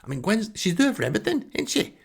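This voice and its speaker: This middle-aged Lancashire man, an English-speaking podcast host from the north of England, rattles off a comic first-person monologue that's wry, self-deprecating and grumbly. His voice is high-pitched, very animated and fast, creaky with a breathy edge.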